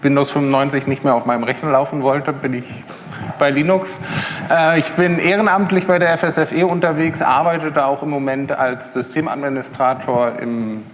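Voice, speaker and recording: A man's voice: mid-range voice, fairly even intonation, moderate pace, a little hiss or hum. A man from Berlin giving a live tech talk to an audience, with many fillers and restarts. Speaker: conference speaker. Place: lecture hall with audience. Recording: echoey hall with long reverb.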